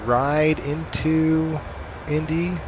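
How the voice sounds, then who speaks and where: A man's voice: on the high side, little pitch movement, drawn-out words, highs cut off. A man chatting casually as a pilot streaming from a flight simulator. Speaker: virtual airline pilot and streamer reading viewer comments. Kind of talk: casual chat while flying a simulator. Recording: clear vehicle-like cockpit noise.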